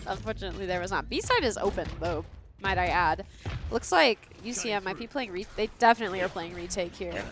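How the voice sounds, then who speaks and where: A young woman doing casual live esports commentary, excitable and teasing, often breaking into giggles. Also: medium pitch, normal speed, over music. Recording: faint background noise.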